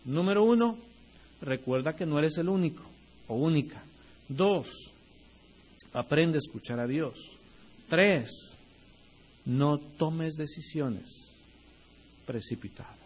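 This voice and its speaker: Husky man preaching with rising bursts. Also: on the high side, lively intonation, takes it slowly, long pauses, a little mellow. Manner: preaching with rising, emphatic bursts and direct address to the congregation. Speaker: pastor. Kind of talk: sermon.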